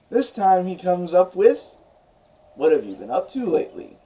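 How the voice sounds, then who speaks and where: A man recounting a story for his vlog with lively, swooping intonation and a chatty, animated delivery. His voice sits somewhat high but has a mellow, dark tone. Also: rough recording. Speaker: vlogger.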